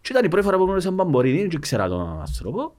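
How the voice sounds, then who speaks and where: A man's voice: a little high, wildly swooping pitch, a crowd in the background. A man with a Cypriot Greek accent co-hosting a podcast, chatting casually and telling anecdotes. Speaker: podcast co-host.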